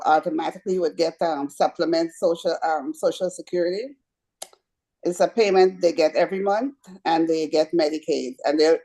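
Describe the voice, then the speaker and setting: A woman speaks with a warm, dark tone that sits a little low. She is introducing herself and explaining her home care work at a community meeting. She talks in a friendly, chatty way, with small hesitations as she goes. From Guyana. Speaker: home care agency owner.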